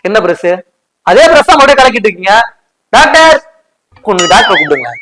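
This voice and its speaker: A man's voice: high voice, big pitch swings, fast talker, over loud music. A man, pulling a hidden-camera prank as a fussy salon customer who nags and picks arguments. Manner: loud, nagging, picks arguments.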